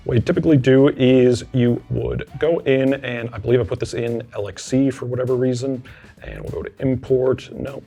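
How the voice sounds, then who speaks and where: A man's voice: mid-range voice, creaky, husky. Casual man narrating a screen-share tutorial. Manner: relaxed, self-deprecating, thinks aloud while clicking. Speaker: homelab tutorial presenter.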